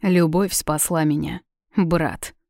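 Storybook king: a woman reading a stern, commanding young ruler, low and warm. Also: takes it slowly, gravelly, no echo, studio quality, heavily acted. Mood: calm. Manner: calm and commanding.

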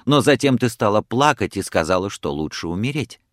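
A man's voice: lowish voice, big pitch swings, a little fast, dry recording, studio quality. A man reading aloud voices a defiant nineteen-year-old son who argues insistently with his mother. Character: bold young man of nineteen, defiant and stubborn.

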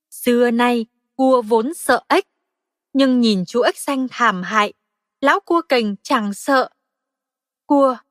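Woman narrator for a children's audiobook; high, slow, dry studio sound. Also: dry recording, in a large hall. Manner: slow, gentle, expressive storytelling.

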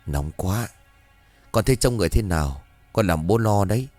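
A gruff, worried middle-aged father in a spoken ghost story, as a male narrator voices him. He speaks low and brusque, dropping his pitch well below the narration. The sound is dry and close. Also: expressive, normal speed, a little mellow, no echo, faint music behind, close to an everyday voice.

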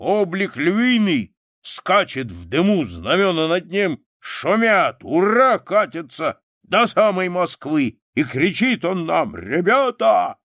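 A man's voice: a little high, no room sound, clean studio sound, pitched above the performer's own voice, exaggerated voice. A man voicing an old, boastful war-veteran soldier, a dying beggar, in an audiobook reading. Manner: loud, hoarse-edged, boastful shouting.

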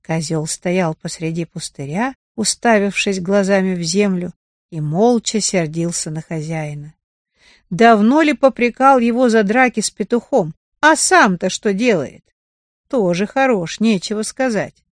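A woman narrating a children's story in an animated, expressive storybook reading. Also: mid-range voice, unhurried, no room sound, clean studio sound.

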